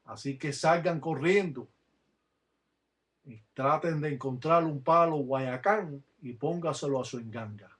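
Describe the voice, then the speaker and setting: A man's voice: fairly high pitch, a little slow, fairly bright tone. A man teaching religious practice to his viewers over a webcam. He talks to them directly, in an instructive way, and is sometimes scornful of other teachers.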